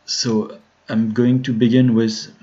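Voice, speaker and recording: A 3D modeling streamer with a French accent runs a live CAD tutorial, narrating every step with plenty of fillers and restarts while saying hello to viewers in the chat. His medium-pitched voice is warm, slow and flat in delivery. It sounds like dull, lo-fi home stream audio.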